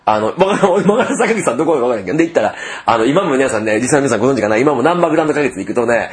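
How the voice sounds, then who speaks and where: A man's voice: medium pitch, animated, rapid-fire. A man with a Kansai accent hosting a radio show, telling a story in casual chat and acting out the voices of people he quotes. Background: background music.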